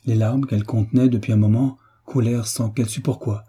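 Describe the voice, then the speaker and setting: A man reading a novel aloud as an audiobook narrator, gentle and measured, lifting his voice slightly for the characters. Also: mid-range voice, fairly even intonation, slightly rough. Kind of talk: scripted narration.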